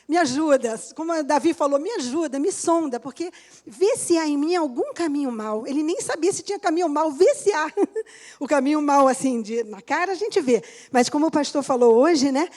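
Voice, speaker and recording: A woman's voice: high-pitched, a little mellow. A middle-aged woman pastor preaching a sermon in church, telling a personal testimony and laughing often as she talks to the congregation.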